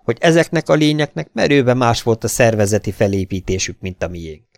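A man reading the part of a calm, commanding spaceship captain in an audiobook. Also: medium pitch, creaky, no echo, clean studio sound.

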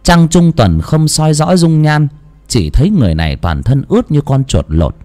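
A man's voice: fairly high pitch, sing-song, normal speed, dark tone, faint music behind. A man narrating a ghost story in a dramatic, suspenseful way.

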